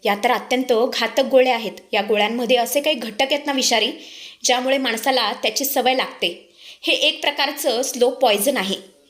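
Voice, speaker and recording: A doctor delivering alarming news in a grave, urgent manner, voiced by a woman reading a story. The voice is somewhat high. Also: moderate pace, a bit bright, close to an everyday voice.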